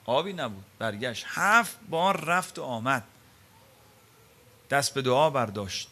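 A man preaching a sermon, telling stories dramatically with rhetorical questions, swinging between loud emphasis and hushed quiet. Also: mid-range voice, lively intonation.

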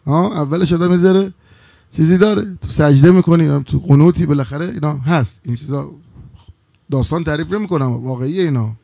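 Gravelly preacher man, dry close sound. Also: dry recording. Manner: swings from hushed to loud, high-pitched emotional outbursts; drawn-out chanted Arabic phrases. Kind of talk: storytelling sermon.

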